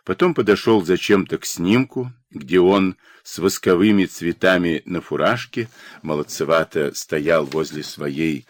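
Male audiobook narrator, low and expressive, dry studio sound. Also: a little slow, dry recording. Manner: expressive, with lively pitch. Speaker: audiobook reader. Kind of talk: scripted narration.

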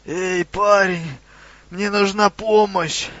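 A man's voice: a little high, steady tone, slow pace, vocal fry, fairly bright tone, no echo, full character voice. Dying old water spirit with a wheezy voice, labored words, a man reading it, dry dull audiobook sound. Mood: pleading. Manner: labored, struggling over each word.

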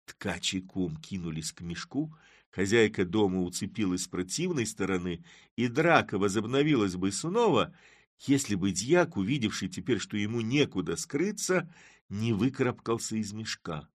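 A man narrating classic prose in an animated, dramatic audiobook reading. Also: fairly low pitch, moderate pace, no echo, studio quality.

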